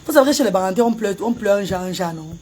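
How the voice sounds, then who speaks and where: A woman from Cameroon, chatting casually on a live stream and breaking into loud wailing chants. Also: mid-range voice, lively intonation, rapid-fire, slight background noise. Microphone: phone camera.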